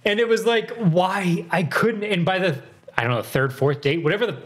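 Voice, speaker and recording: A man's voice: sits high, normal speed. Man in his thirties, casual chat, rambling, restarts a lot, swears freely. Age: 30s.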